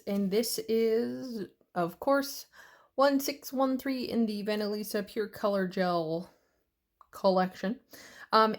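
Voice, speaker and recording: Slow, playful Canadian woman hosting. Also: medium pitch. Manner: chatty and playful, jokes and silly sounds. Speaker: nail art channel host. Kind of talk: casual tutorial chat.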